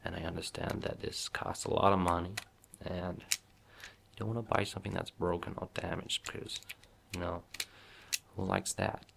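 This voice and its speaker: A man doing a softly spoken whispered role-play as a watch shop salesman, with reassuring customer-service patter in a low, gravelly voice. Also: little pitch movement, normal speed, long pauses, noisy background.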